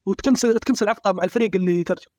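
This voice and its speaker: A man's voice: high-pitched, rapid-fire, darkish tone, no echo, clean studio sound. A man in a casual gaming discussion, blunt and emphatic as he complains.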